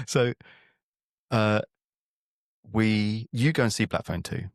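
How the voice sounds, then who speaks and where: A man's voice: on the low side, slow, dry recording, studio quality. A man co-hosting a podcast in casual, self-mocking, playful banter. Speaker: podcast co-host. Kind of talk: casual chat.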